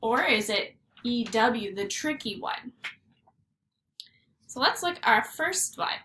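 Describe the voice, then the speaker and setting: A woman teaching a phonics lesson to first graders, sounding out letters slowly and clearly. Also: a little high, animated, sharp tone. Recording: echoey room with faint noise.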